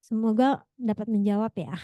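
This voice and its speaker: Bright-pitched woman moderating a seminar. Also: slow pace, dry recording. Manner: friendly, laughs often, rephrases as she goes.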